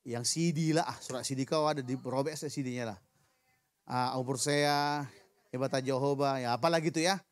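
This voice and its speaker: A man preaching a sermon in a church, lively and joking with the congregation. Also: mid-range voice, moderate pace, dry recording. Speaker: pastor. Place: church hall.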